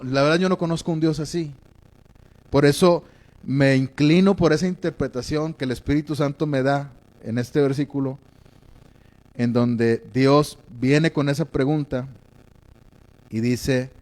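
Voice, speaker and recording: A man's voice: mid-range voice, darkish tone. A man preaching a sermon in a reflective way, often checking in with his listeners.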